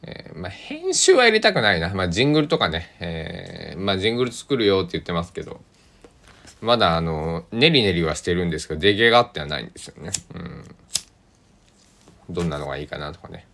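A man with a deep voice and a Kochi accent hosts a casual solo radio show. He rambles at an easy pace, pausing often and trailing into soft asides. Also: sing-song, creaky. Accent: Kochi (Tosa) Japanese. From Kochi, Japan. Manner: rambling, unhurried, many hesitations and soft asides. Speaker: podcast host.

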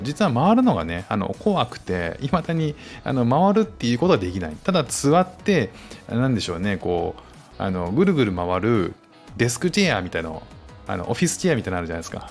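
A man in his thirties, a stay-at-home dad, hosting a casual podcast alone at a close mic and reflecting gently on parenting, with lots of fillers. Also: medium pitch, gravelly. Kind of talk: casual spoken-word podcast monologue.

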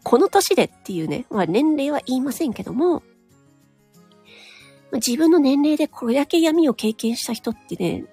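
A high-pitched, warm-toned woman talks at normal speed with lively intonation while faint music plays. Her frank, chatty solo monologue on her own audio channel is dotted with little nodding asides and tag particles.

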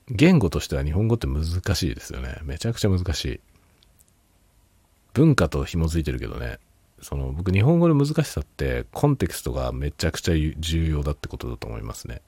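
A man's voice: deep voice, dark tone, breathy edge, no room sound. A man hosting a casual solo talk show, rambling and laughing a lot while tipsy. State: drunk. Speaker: podcast host.

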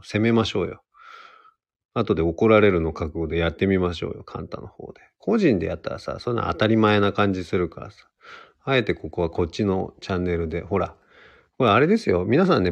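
A man's voice: lowish voice, creaky, dull audio. A young man hosting a casual solo livestream radio show, chatty and self-deprecating as he answers listener comments. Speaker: radio host.

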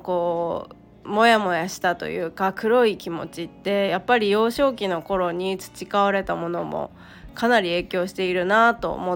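A woman hosts a casual solo podcast in a hoarse, croaky voice roughened by a cold. She speaks haltingly, searching for her words, at an ordinary middle pitch for a woman. Soft music plays behind her. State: hoarse from a cold, throat-clearing. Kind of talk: casual personal monologue.

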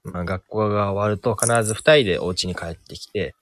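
A man with a fairly low voice tells a made-up ghost story with slow, suspenseful pacing, dramatic pauses and frequent hesitation fillers. The recording is dry and close, with no room sound around him. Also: no echo. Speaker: podcast co-host. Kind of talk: telling an invented ghost story, then casual chat.

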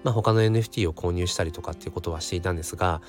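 A man with a hoarse voice hosts a casual solo audio channel, thinking aloud in a hesitant way. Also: deep voice, racing, soft background music. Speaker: host of a daily audio channel.

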